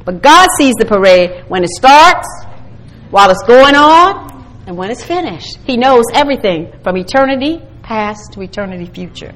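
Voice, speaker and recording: A woman's voice: on the high side, animated, moderate pace, a bit bright, rough recording. A woman teaching a Bible study to a group, earnest and calling for responses, building to emphatic exhortation.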